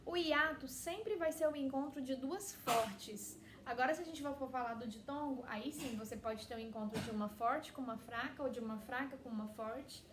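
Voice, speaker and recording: Chatty Brazilian woman teaching a class. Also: high voice. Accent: Brazilian Portuguese. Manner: chatty, constantly tags phrases with "né?"; stretches out words slowly when spelling them out. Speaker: Spanish teacher. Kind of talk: recorded online class. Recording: echoey room with faint noise.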